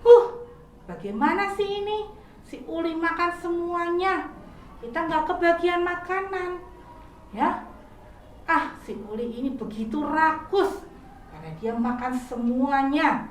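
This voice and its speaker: A woman's voice: very high voice, measured pace, long pauses, a little hiss or hum, voice pushed up. A woman voicing hungry animal friends who complain with annoyance. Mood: annoyed. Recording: echoey room, from far off.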